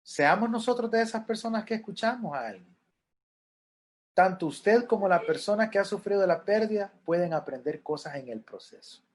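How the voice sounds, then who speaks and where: A man's voice: sits high, expressive, normal speed. A middle-aged man, a pastoral counselor, lecturing a class on grief in an earnest way, repeating key points and acting out what people say.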